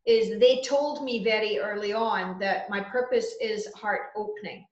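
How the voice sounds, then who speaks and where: A woman talking as an interview guest, telling spiritual experiences in an earnest, unhurried, conversational way. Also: mid-range voice, fairly even intonation. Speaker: interview guest, trance channeler and healer. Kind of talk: conversational first-person spiritual storytelling. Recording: muffled, roomy, echoing audio.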